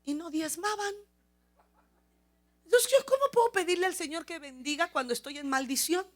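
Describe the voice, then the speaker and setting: A middle-aged woman pastor with a Mexican accent, preaching a sermon with animated, humorous storytelling that rises toward near shouts. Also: extremely high pitch, normal speed.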